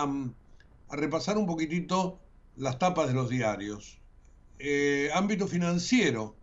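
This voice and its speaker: A man's voice: a little high, lo-fi sound. Argentine man reviewing the morning papers. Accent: Argentine Spanish. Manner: explanatory, addresses listeners directly, frequent "este" fillers. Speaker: radio journalist host. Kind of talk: radio commentary and press review.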